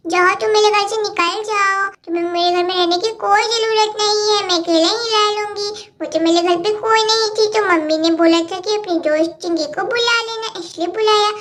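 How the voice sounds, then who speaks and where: A woman's voice: very high-pitched, fairly quick, hardly any pauses, a bit bright. A woman voicing a boastful, spoiled little girl doll who squabbles and orders her friend out of the house. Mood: bossy. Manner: bossy, squabbling.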